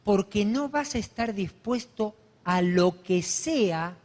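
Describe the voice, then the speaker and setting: A man preaching a sermon, building to loud, fervent emphasis. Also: high-pitched, animated, slow. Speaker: pastor. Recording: long hall reverb.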